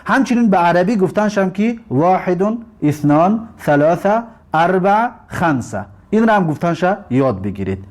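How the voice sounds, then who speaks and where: A man with a fairly high voice gives a recorded Arabic lesson, explaining patiently. He says each term slowly, then repeats it with its meaning. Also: a little mellow. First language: Tajik. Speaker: Arabic language teacher.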